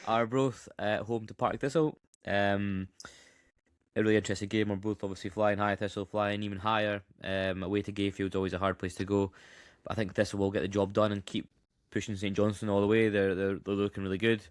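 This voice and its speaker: Male co-host, jokey and chatty, fairly low pitch, dry mic. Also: level tone, brisk, smooth, no room sound. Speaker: podcast co-host. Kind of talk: casual podcast chat.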